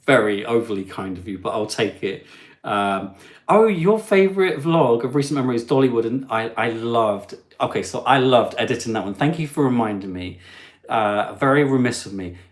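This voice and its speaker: A man hosting a live stream, chatting and reading out viewer comments in a warm, self-deprecating way. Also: lowish voice, roomy sound. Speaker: host. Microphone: phone.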